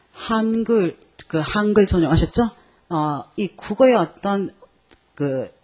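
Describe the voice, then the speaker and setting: A woman with a mid-range, slightly rough voice leads an exam-prep lecture on Chinese characters. She's lively, firing quiz questions at her students and checking in with them again and again.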